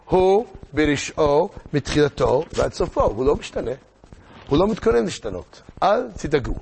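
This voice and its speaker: A man teaching a lively lesson, theatrical and animated, firing questions at his listeners. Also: on the high side, creaky, slight background noise.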